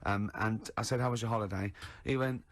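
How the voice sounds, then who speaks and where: A man's voice: fairly low pitch, steady tone, a little fast, no echo. Man, radio host, casual studio chat, storytelling, frequent laughter. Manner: storytelling, laughs often, acts out quotes.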